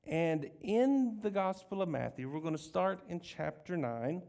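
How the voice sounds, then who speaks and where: A man's voice: high-pitched, lively intonation, a little slow, creaky, mellow. A middle-aged male pastor preaching a casual, conversational sermon, telling stories with jokey asides and asking the congregation questions.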